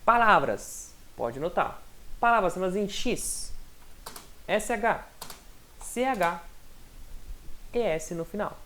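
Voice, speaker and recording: A male English teacher gives a relaxed, conversational lesson. He keeps checking that his student is following and draws out English example words slowly and carefully so they can be heard clearly. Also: high voice. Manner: chatty and encouraging, often checks in with the student. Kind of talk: recorded online lesson.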